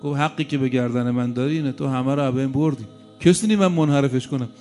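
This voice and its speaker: A man's voice: mid-range voice, dark tone, soft background music, close to an everyday voice. A man preaching a sermon voicing Satan as a sly, wheedling male tempter who coaxes and insists, told within a religious story. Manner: coaxing, insistent.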